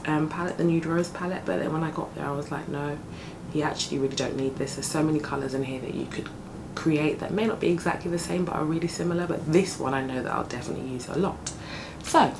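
Fast-talking and relaxed, a beauty vlogger with a low, gravelly morning voice, deeper than usual, chats through a casual makeup tutorial as she applies it. The camera sits close on a desk in her flat, and plane and street noise come in through an open window.

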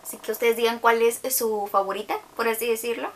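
A woman's voice: on the high side, steady tone, a little fast. A young woman gives a casual makeup tutorial from her bedroom, chatting along with hesitant fillers.

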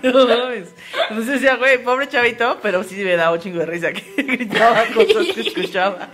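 Mexico City woman telling stories, clear noise. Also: mid-range voice, fairly quick. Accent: Mexico City Spanish. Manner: storytelling with laughter and slang. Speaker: podcast guest. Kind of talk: casual comedic chat.

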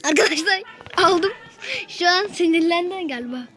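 A woman with a very high voice talks her viewers through a match. Her commentary is casual and excitable, and she bursts out quickly when things go wrong. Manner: excitable, quick frustrated outbursts, keeps addressing viewers. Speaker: gaming video host.

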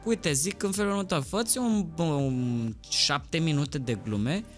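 Man in his thirties, radio host, casual studio chat, somewhat high voice, faint music underneath. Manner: relaxed, advising, trails off mid-sentence. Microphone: studio microphone on arm.

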